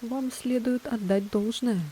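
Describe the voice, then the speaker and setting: A solemn village priest from a video game, read aloud by a woman. The words come out formal, grave and measured. There is noise in the background. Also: on the high side, fairly even intonation, warm tone, pitched above the performer's own voice, lightly acted, rough recording. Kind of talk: reading game dialogue aloud.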